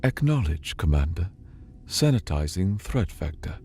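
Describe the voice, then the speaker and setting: A man voicing a calm, placid artificial intelligence speaking inside a character's head in a sci-fi audiobook. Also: deep voice, a little slow, husky, heavily acted. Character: calm synthetic male AI voice in the head.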